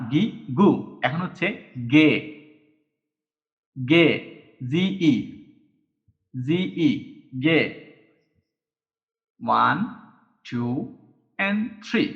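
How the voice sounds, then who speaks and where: Slow patient male language tutor. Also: on the high side, fairly bright tone. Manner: patient, repeats each sound and counts strokes aloud. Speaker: Japanese language teacher. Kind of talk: slow step-by-step language lesson. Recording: dull lo-fi recording.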